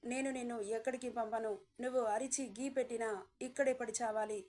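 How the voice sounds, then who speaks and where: A woman's voice: fairly high pitch, level tone, fairly quick, a little mellow, close to an everyday voice. A woman playing a scheming kidnapper uncle. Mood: menacing. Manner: coaxing, then threatening. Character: scheming male kidnapper uncle, menacing and fake-kind.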